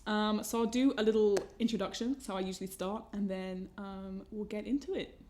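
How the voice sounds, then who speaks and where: A woman hosting an interview podcast in casual chat, friendly and filling pauses with "um". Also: medium pitch, steady tone, darkish tone. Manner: friendly, many "um" fillers. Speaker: podcast host.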